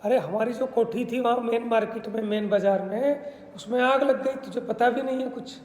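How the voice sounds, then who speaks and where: A man voicing a distraught older merchant in a story told during a sermon, in a high voice. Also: fairly even intonation, moderate pace, darkish tone. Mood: upset. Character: distraught older male merchant, grieving his burnt house. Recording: reverberant hall sound.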